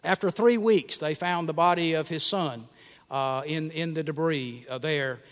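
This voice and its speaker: A man preaching a sermon in a church, speaking in measured phrases broken by many drawn-out "uh" pauses. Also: a little high. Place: church sanctuary. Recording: long church reverb.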